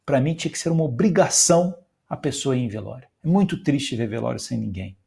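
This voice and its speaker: A man's voice: medium pitch, expressive, fairly quick, gravelly, mellow, slightly rough. A man quoting a sorrowful humble churchgoer. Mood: earnest. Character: humble older male church regular, sorrowful.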